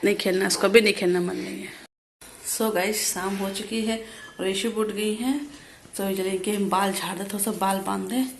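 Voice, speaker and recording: A woman's voice: medium pitch, steady tone, moderate pace. A woman in her thirties vlogging at home, playfully scolding and coaxing a child in a sing-song way, on a phone camera. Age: 30s. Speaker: family vlogger. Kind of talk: casual home vlog. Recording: echoey room with clear background noise.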